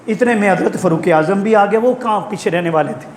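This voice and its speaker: A male preacher delivers an impassioned sermon in a very high, piercing voice. He climbs to fervent shouts and keeps calling out for replies. The sound rings through an echoey hall over a faint hiss. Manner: fervent, rising to shouts, calls for congregation replies. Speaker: Islamic preacher.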